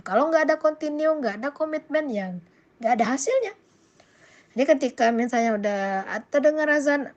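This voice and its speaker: A muffled recording carries a woman's somewhat high voice as she gives a casual Islamic parenting talk and responds to viewer questions. Frequent hesitations, fillers and self-corrections mark her speech, though she livens up when acting out examples.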